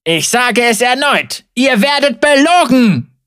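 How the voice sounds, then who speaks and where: A man voicing a young, ragged male heretic preacher who accuses and rails loudly at a crowd. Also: sits high, takes it slowly, gravelly, no echo, studio quality, voice pushed up, heavily acted. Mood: fervent. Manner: impassioned, accusing, loud preaching. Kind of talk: audiobook character voice.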